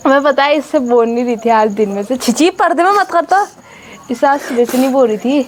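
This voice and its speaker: A woman's voice: high voice, brisk. A young woman chatting casually as a vlogger, talking along while she cooks and teasing family members playfully. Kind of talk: casual cooking vlog narration.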